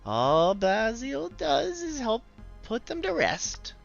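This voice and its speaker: A man's voice: extremely high pitch, wildly swooping pitch, gravelly, lo-fi sound, soft background music, voice pushed up, heavily acted. A man doing a sly, greedy scavenger. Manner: slow, sly, speaks of himself in third person. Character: greedy cackling male shore scavenger, menacing.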